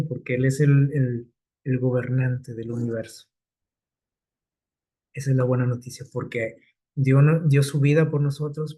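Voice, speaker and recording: A man's voice: medium pitch, warm tone, breathy edge. A man preaching a sermon in a conversational way, often checking in with his listeners through rhetorical questions.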